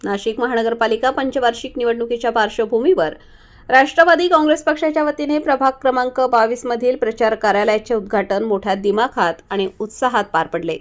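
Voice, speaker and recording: Woman news reporter, scripted voice-over; steady and formal, fairly high voice. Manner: steady formal reading, quick through name lists.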